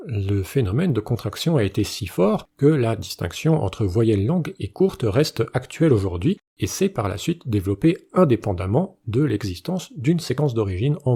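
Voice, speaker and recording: Husky-voiced man narrating a lecture. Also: fairly low pitch, mellow. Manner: measured, explanatory delivery. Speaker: channel host. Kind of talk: scripted educational narration.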